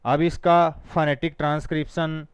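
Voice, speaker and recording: A man leads a phonetics lesson in a firm, teacherly way. He breaks words down slowly letter by letter and pushes listeners to repeat after him. His voice sits a little high and comes through smooth and dry, close to the mic. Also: flat delivery, no room sound. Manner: drills words slowly, spelling them out letter by letter; firm, teacherly, urges students to repeat along. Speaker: spoken English teacher.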